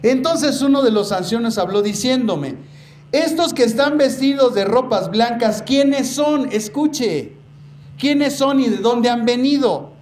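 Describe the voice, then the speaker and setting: A man preaching a sermon as pastor, emphatic, often calling out to his brothers and slowing down to stress key words. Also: very high voice, lively intonation, darkish tone. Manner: preaching, repeatedly addressing the congregation as brothers. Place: church. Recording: echoey church room with faint noise.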